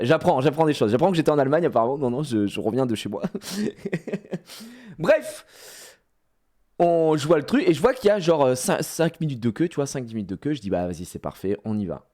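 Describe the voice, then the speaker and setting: A man's voice: a little high, darkish tone. A man in his thirties, rambling through a casual live-stream story with many fillers and restarts. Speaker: streamer recounting a theme park outing.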